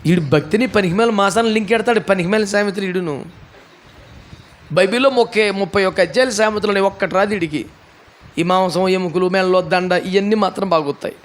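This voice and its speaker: A male pastor preaching a sermon, telling a Bible story dramatically with voiced characters and rhetorical questions. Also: high-pitched. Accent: Telugu. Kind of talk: Telugu sermon with acted Bible scenes.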